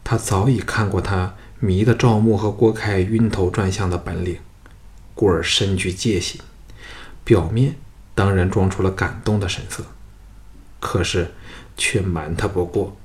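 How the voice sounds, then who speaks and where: A man narrating a novel in a steady, even storytelling voice. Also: low-pitched, unhurried. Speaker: audiobook narrator.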